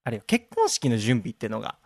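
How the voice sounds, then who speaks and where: A man's voice: mid-range voice, wildly swooping pitch, fast, darkish tone, no room sound, studio quality. A man with a Kansai accent, co-hosting a podcast in casual chat, easygoing and laughing often. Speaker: podcast co-host.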